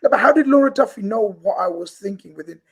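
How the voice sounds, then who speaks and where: A man's voice: high voice, expressive, fast, husky. A man hosting a casual live football watchalong, chatting and commenting as play goes on. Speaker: watchalong host. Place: in a house.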